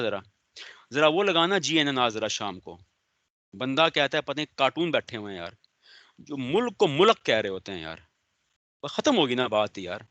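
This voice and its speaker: Male law lecturer, bright forceful tone, stern and sarcastic, dry close sound. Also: mid-range voice, dry recording. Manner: stern, sarcastic, calls on students by name. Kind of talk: online lecture, scolding and explaining.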